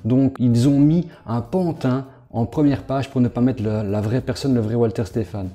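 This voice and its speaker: A man giving a casual screen walkthrough as a YouTuber, talking straight to the viewer and halting with fillers. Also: medium pitch, warm tone, faint music behind. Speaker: crypto investment YouTuber.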